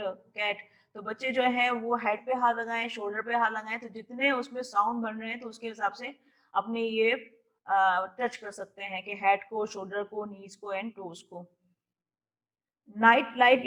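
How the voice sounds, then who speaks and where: A woman's voice: a little high, fairly bright tone, low-quality recording. A woman with a Pakistani Urdu accent leading an online teacher training session, explaining patiently, mixing in English words and sounding words out phoneme by phoneme.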